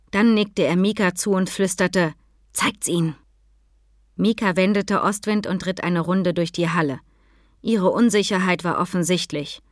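A woman narrating a children's horse novel as a scripted audiobook, steady and measured, dropping quietly into the dialogue tags. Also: fairly low pitch, no room sound, clean studio sound.

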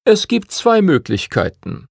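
A man's voice: high-pitched, gravelly, husky, dry recording, clean studio sound, pitched above the performer's own voice, heavily acted. A man playing patient old master Nicholas. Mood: calm lecturing. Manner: calm, measured, lecturing. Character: patient older male dragon-rider master teacher.

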